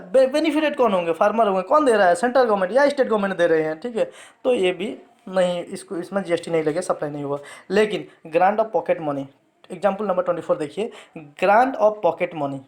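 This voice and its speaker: Man lecturing in slow, halting steps. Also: high voice. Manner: repeats a check-in tag after nearly every point; reads English lines out slowly, word by word. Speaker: teacher. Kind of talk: explanatory lecture.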